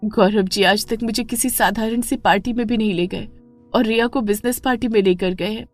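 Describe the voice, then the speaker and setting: A woman voicing a gentle, mistreated young wife in an animated story, speaking softly and pleadingly. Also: a little high, a little fast, soft background music, close to an everyday voice. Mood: tearful. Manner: soft, pleading.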